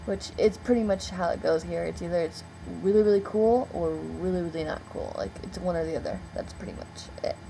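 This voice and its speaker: A woman's voice: lowish voice, fairly quick, creaky, hardly any pauses, warm tone, slight background noise, low-quality recording. A young woman in a casual storytelling vlog, rambling and filling her speech with "like" and "um.". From United States. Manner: rambling, heavy on "like" and "um" fillers. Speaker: vlogger.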